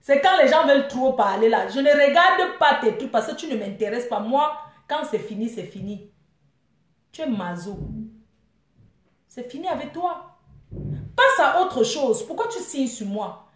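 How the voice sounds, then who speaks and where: A young woman with a high-pitched voice delivers a scornful, taunting rant straight to camera. Her talk is full of mocking jabs and dismissive asides. The sound bounces around an echoey room. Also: very animated, measured pace, pauses often. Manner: mocking, scornful, with frequent laughs. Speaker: vlogger.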